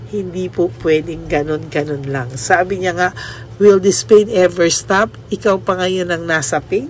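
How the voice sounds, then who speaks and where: A woman host from the Philippines, talking the listener through a personal reading. She is polite and unhurried, mixes English words into her Tagalog, and often ends a line with a questioning "no?". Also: lowish voice, slight background noise. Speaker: channel host giving a reading to the viewer. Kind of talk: soft-spoken reading addressed to the listener.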